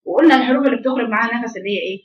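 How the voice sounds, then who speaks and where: A woman's voice: a little high, rapid-fire. A woman with an Egyptian accent teaching Quran recitation to a class of girls, correcting them and repeating each sound to demonstrate. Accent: Egyptian Arabic. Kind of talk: tajweed lesson to a class. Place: classroom with air conditioners. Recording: roomy, distant, dull recording.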